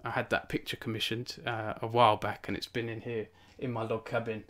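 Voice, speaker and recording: His voice is on the low side and a bit bright, delivered flatly at a slightly fast clip. He's a young man hosting an informal book launch stream from his home cabin, meandering with many fillers and self-mocking comments.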